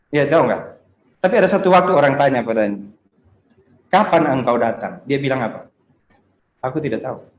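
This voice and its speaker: A man preaching a sermon as pastor, telling stories with acted-out dialogue in an animated way. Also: fairly high pitch, echoey room.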